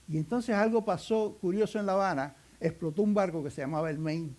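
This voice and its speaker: A man's voice: sits high, a little mellow. A Cuban man preaching a sermon, telling stories in a folksy way with humorous asides. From Cuba.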